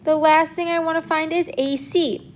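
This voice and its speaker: A woman teacher explains a math problem one step at a time, in a steady recorded-lesson manner. Her voice sits high. A faint low rumble runs underneath. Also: moderate pace.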